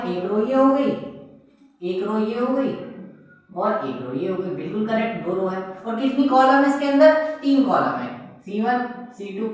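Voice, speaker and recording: A man with a voice that sits high teaches a maths lesson at a whiteboard, explaining step by step. He asks the class questions, answers them himself, and repeats "okay" and "simple thing." He's recorded off the mic from a distance in a very echoey room.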